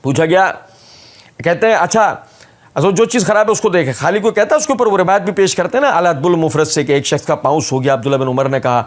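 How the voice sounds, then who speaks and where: A man giving a polemical religious talk as a rebuttal, speaking in an emphatic, sarcastic, mocking way. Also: on the high side.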